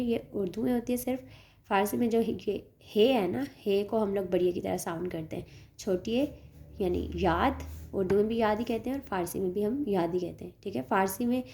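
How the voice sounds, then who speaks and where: A woman teaching a lesson, speaking patiently, slowing down to sound out each word and often checking with "okay". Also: medium pitch, dark tone. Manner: patient, slows to spell out each word, often adds "theek hai". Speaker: language teacher. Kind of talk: teaching a Persian alphabet lesson.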